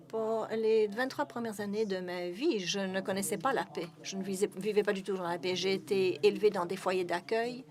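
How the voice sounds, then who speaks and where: A woman giving live interpretation of a speech, with frequent hesitations and self-corrections. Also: medium pitch. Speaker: simultaneous interpreter.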